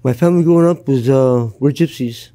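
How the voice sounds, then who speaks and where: An older Canadian man tells his life story in an outdoor interview in Los Angeles, blunt and plain-spoken. His voice is medium-pitched, mellow and fairly quick.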